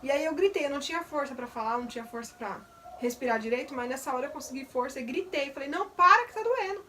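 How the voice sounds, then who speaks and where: A woman's voice: high voice, quick pace, far from the mic, a little hiss or hum. A young woman, candidly recounting a personal testimony in detail. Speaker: vlogger. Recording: voice a bit off the mic.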